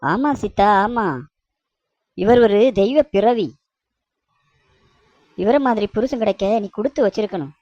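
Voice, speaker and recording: A woman's voice: mid-range voice, measured pace, pauses often, mellow, no room sound, lo-fi sound, lightly acted. A woman voicing a talkative, scheming middle-aged mother-in-law in a cartoon, coaxing and fussy. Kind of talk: cartoon voice acting.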